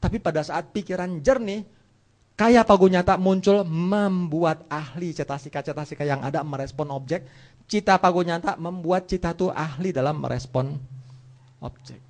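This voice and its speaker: A middle-aged man teaching a casual Buddhist lesson, telling stories with acted dialogue and leading chanted recitation. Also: a little high. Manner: animated storytelling, acts out dialogues, leads call-and-response chanting.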